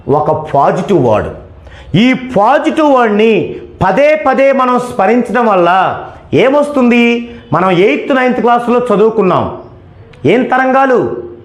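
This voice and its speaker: Man, high voice, emphatic lecturer, asks and answers himself, roomy echo. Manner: emphatic, asks and answers his own questions. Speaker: numerology teacher. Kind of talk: explanatory lecture.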